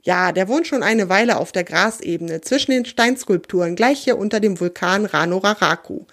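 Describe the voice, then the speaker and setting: A woman's voice: mid-range voice, moderate pace, fairly bright tone. A woman voicing a curious, easygoing male creature from an island in a children's storybook.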